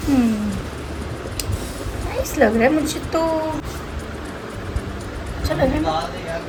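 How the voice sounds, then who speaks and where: Animated woman vlogging with a gravelly edge. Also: a little high. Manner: animated, laughing at herself. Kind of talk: casual vlog chat in Hindi mixed with English. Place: at home getting ready.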